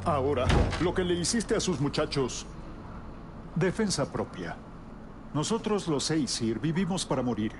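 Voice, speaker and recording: A very old god king from a video game, sly and menacing. His voice sits slightly high and moves widely in pitch as he bargains in measured, pointed phrases. There is clear noise behind him. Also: expressive. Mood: measured menace. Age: older. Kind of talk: dramatic video game cutscene acting.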